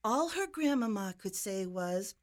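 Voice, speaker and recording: A woman reading a children's fairy tale aloud in an expressive bedtime storybook style. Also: medium pitch, a little slow. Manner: expressive, sing-song storytelling.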